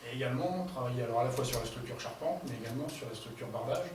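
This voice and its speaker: A man's voice: medium pitch, rapid-fire. A man speaking on a panel, explaining at length with many fillers and self-corrections. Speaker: forestry advisor on a panel. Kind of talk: panel discussion contribution. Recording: distant mic in echoey room, audible noise.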